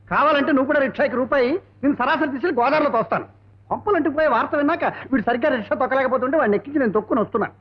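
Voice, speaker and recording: A brash young rickshaw puller talks quickly in a very high voice. It comes from an old film comedy with a dull, lo-fi sound. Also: male voice. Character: young man pedaling a rickshaw. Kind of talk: 1980s film comedy dialogue.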